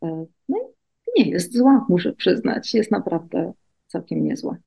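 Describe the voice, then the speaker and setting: A woman's voice: fairly low pitch, expressive, measured pace, gravelly, warm tone, husky. A woman in her forties from Poland, answering interview questions in a chatty way with many fillers. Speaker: interview guest, emigrant mother.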